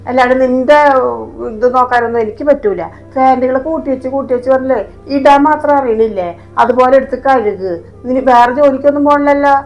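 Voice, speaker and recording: A woman's voice: a little high, lightly acted, low-quality recording. A woman playing a harsh scolding stepmother. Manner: scolding, scornful, sarcastic. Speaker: stepmother in a family skit. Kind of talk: amateur family short film acting.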